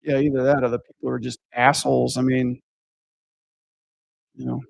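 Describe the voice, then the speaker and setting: A man with a gravelly, creaky voice talks casually and swears a lot, trailing through sentences with constant filler words. He sits close to the mic in a dry, dead room with no echo. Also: medium pitch, level tone, normal speed. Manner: rambling, profane, heavy use of filler words. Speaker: podcast guest recounting a haunted house job. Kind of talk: casual chat.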